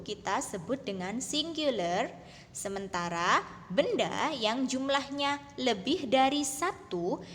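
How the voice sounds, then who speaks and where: A woman teacher with an Indonesian accent, giving a bilingual English lesson to young children, speaking slowly and clearly and repeating words for the pupils. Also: high voice, fairly bright tone, long reverb tail.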